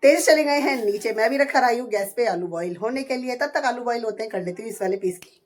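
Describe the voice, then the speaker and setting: Chatty hoarse woman at home. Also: fairly high pitch, animated, quick pace. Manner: chatty, narrates her chores step by step. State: hoarse, voice going. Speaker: vlogger. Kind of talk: casual home vlog. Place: at home, indoors.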